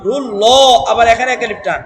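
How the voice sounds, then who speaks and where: A man teaching Quran reading, spelling out syllables and chanting the verse slowly. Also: very high voice, animated, fairly bright tone. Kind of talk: Quran reading lesson with recitation. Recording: echoey hall with noise.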